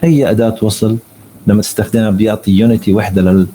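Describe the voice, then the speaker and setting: A man teaching an online English lesson. He reads each tip slowly in English and then explains it in Arabic. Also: on the low side, fairly even intonation, dark tone, faint music behind, poor audio.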